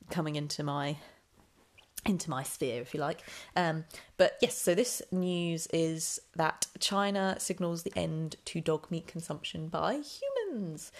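A young woman with a low, creaky voice hosts a casual solo podcast, chatty and rambling with plenty of ums. She sounds a little nasal and snuffly.

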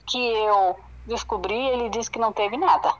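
A Brazilian woman with a fairly high voice tells her story in an interview. She speaks haltingly and circles back on her own words. She slips into the voices of the people in the conversations she recalls. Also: lo-fi sound, slight background noise. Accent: Brazilian Portuguese. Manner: halting, repeats herself, acts out dialogue. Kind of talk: emotional personal testimony.

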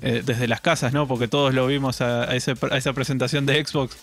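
A man co-hosting a casual gaming news chat, relaxed and hesitant, often repeating words as he talks. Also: mid-range voice, fairly quick, soft background music.

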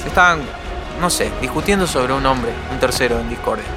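A young man with an Argentine Rioplatense accent, telling a personal anecdote on a podcast in an animated way. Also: medium pitch, a little fast, over music. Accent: Argentine Rioplatense Spanish. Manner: animated, acts out quoted voices with shouts. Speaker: guest storyteller.

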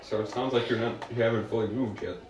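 A man's voice: fairly low pitch, fairly even intonation, quick pace, a little mellow. A man co-hosting a casual podcast, asking teasing questions and cracking jokes. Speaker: podcast co-host. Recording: roomy, distant mic with crowd noise.

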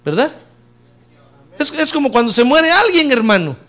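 High, lively-voiced preaching pastor. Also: male voice, normal speed. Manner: preaching with humor, rising loud on key points and dropping low and soft on "hermano". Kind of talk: sermon.

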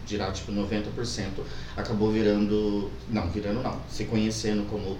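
A man's voice: on the low side, level tone, brisk, warm tone, a little hiss or hum. A man with a Brazilian accent bantering like a campy drag queen, brash and self-mocking. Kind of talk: casual podcast banter. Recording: echoey room, distant mic, chatter behind.

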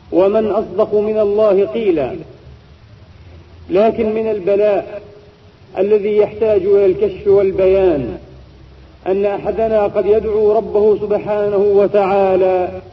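High-voiced man preaching in formal Arabic, echoing hall. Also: a little hiss or hum. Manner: measured, solemn oratory in formal Standard Arabic. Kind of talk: Friday sermon in formal Standard Arabic with Quran quotation. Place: large reverberant hall. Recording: dull lo-fi sound, long hall reverb.

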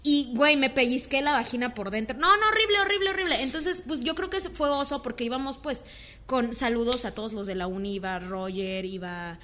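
A woman's voice: a little high, lively intonation, brisk, bright, forceful tone. A young woman with a Mexican accent in her twenties, co-hosting and telling stories in rambling, slangy casual chat. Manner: rambling, slangy, peppered with "güey". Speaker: co-host.

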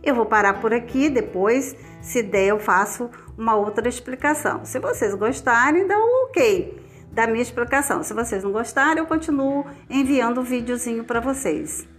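A woman's voice: fairly high pitch, expressive, normal speed, soft background music. A Brazilian woman teacher with a Brazilian Portuguese accent, explaining a lesson step by step in a chatty way, often checking in with her students. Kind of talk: casual recorded lesson for students.

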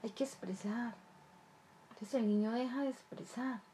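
A woman's voice: on the high side, normal speed, mellow, slight background noise. A woman talking earnestly to parents about raising children, repeating phrases and asking rhetorical questions. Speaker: child development speaker. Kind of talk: explanatory talk to parents.

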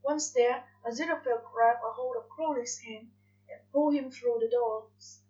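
A woman reading fanfiction aloud in soft, measured narration. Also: fairly high pitch, steady tone. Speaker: fanfiction reader. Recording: dull lo-fi recording.

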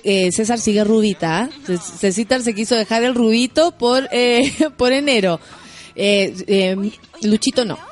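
A woman with a Chilean accent hosting a casual morning radio show, chatty and playful, reading out listener messages and laughing often. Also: high voice. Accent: Chilean Spanish. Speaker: radio host.

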